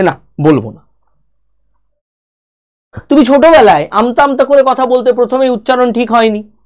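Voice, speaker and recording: A woman with a Bengali accent giving a spoken English lesson, speaking straight to the viewer and going through learners' problems one by one. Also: on the high side. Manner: direct, talks to the viewer as "you", lists problems one by one.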